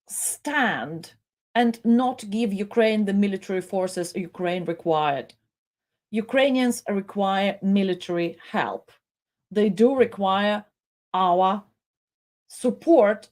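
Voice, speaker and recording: A middle-aged woman from the Soviet Union presenting live commentary, speaking with emotion and pausing and repeating words as she goes. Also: mid-range voice, darkish tone.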